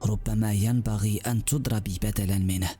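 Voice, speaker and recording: A man's voice: on the low side, fairly even intonation, a little fast, warm tone, husky, soft background music. A man voicing a cold, bitter male demon lord who speaks with mocking weariness.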